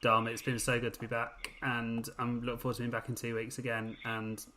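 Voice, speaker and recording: A man's voice: mid-range voice, completely flat delivery, fairly quick, pushed and bright. A man with a Birmingham accent on a podcast panel, earnest and friendly in his closing thoughts. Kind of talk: casual panel chat.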